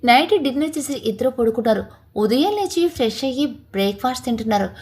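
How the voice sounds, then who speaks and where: A woman reading a family romance story aloud in a steady storytelling manner. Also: high-pitched, quick pace, slightly rough. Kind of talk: read-aloud story narration.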